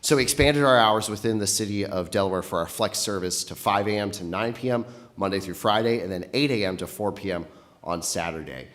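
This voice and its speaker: A man's voice: fairly low pitch, a little fast, fairly bright tone. A man presenting a year-end update to a county board, slightly out of breath from a cold, earnest and upbeat with frequent fillers. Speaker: county transit executive director presenting. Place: public meeting room.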